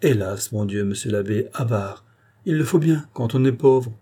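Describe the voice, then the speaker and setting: A man's voice: medium pitch, moderate pace, dark tone, breathy edge, natural voice. A man voicing a miserly, pious old spinster aunt who protests in a plaintive, whining way.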